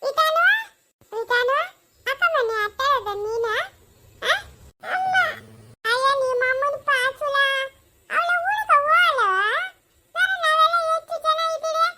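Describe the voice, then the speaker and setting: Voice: very high-pitched, measured pace, long pauses, heavy background noise. A girl playing a village woman who scolds and guards a baby in a family skit. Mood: coaxing. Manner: scolding, argumentative.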